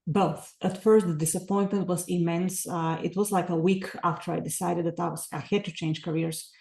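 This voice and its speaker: Woman, forties, gravelly voice, earnest and reflective, echoey room. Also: on the low side, fairly even intonation, moderate pace, dark tone. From Bulgaria. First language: Bulgarian. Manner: earnest, reflective, with many fillers. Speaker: podcast guest. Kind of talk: casual interview talk.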